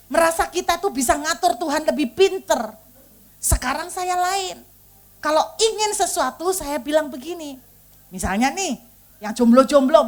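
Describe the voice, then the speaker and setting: Woman preacher, high voice, lively storytelling sermon, acts out voices.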